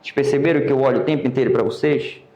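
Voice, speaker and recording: A Brazilian man teaching an oratory class, lecturing lively and calling on students by name. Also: mid-range voice, very fast, roomy sound, highs cut off. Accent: Brazilian Portuguese.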